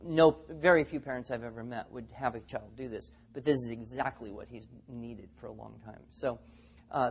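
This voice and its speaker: At a teaching seminar, a man with a medium-pitched voice tells anecdotes and acts out the quotes as he goes. The recording sounds lo-fi.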